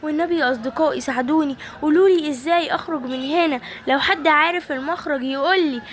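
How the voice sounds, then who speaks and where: A woman's voice: sits high, quick pace, lightly acted. A woman with an Egyptian accent voicing a frightened little ballerina girl in a toy play-acting video, pleading in a whiny, begging manner.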